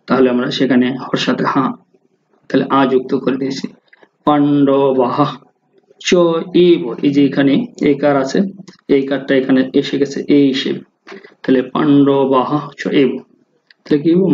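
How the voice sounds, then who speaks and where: A man teaching Sanskrit pronunciation. He explains each word and chants the verse slowly. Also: mid-range voice, dark tone, slight background noise. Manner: slow, deliberate chanting of verse. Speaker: teacher of Gita recitation. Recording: dull lo-fi sound with faint music.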